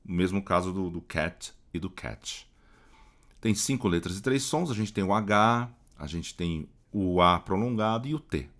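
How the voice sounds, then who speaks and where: A man teaching English phonetics in Portuguese, explaining patiently and repeating example words slowly, often checking in with the listener. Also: low voice, lively intonation, fairly bright tone.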